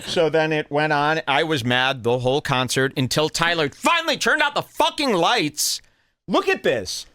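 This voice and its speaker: Podcast guy ranting through a funny story, voice bouncing all over, kinda high, dry sound. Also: expressive, moderate pace, bright, forceful tone, no room sound. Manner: exaggerated, indignant, laughs mid-story. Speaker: podcast host. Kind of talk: animated comedic storytelling.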